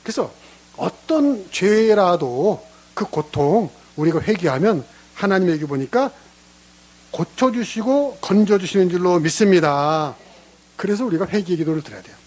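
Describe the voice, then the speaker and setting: A man's voice: sits high, measured pace. A man preaching a sermon as a pastor in a church, acting out prayers and God's replies in different voices. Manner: lively preaching, acts out prayers in character voices. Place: church sanctuary.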